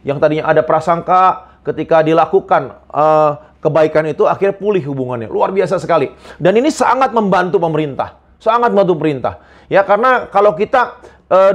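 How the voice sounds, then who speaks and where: A male pastor preaching a sermon, telling personal stories with big swings between loud emphasis and quiet asides. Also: on the high side. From Indonesia.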